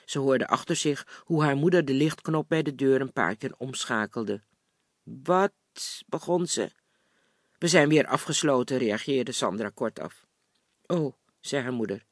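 Calm male audiobook narrator, dry sound. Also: medium pitch, dry recording. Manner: calm, measured reading.

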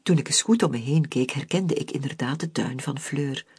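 A storyteller reading a children's story aloud, expressive, with soft whispered passages. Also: medium pitch, normal speed, slightly rough.

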